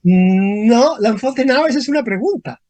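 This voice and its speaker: A teacher giving an online language lesson over a video call, speaking slowly, repeating example questions and often checking in with the class. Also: mid-range voice, animated, darkish tone, no echo. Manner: slow, repeats questions, frequent checking tags. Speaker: Spanish grammar teacher.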